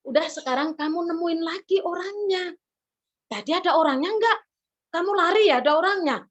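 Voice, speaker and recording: A woman's voice: very high voice, lively intonation, moderate pace. A woman voicing a caring mother who soothes and firmly instructs her son, in a slightly muffled recording. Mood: soothing. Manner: soothing yet firm, coaxing. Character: calm, firm, caring mother.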